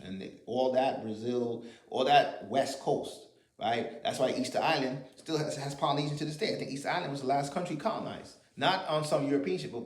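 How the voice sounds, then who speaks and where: Argumentative man in an echoey room. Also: medium pitch. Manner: argumentative, rhetorical questions, profanity. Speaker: commentator. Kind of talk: casual monologue.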